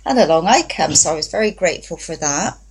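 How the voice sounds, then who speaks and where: A woman's voice: fairly low pitch, expressive, quick pace, slight background noise, low-quality recording. A woman from England, a voice therapy practitioner, telling her story as a guest in an interview in a chatty, enthusiastic way. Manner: chatty, enthusiastic, acts out quotes.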